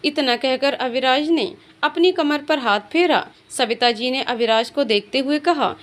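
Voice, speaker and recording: A woman's voice: high-pitched, a little slow. A woman reading a romantic family story aloud, voicing the characters' lines in her own voice. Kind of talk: scripted story narration.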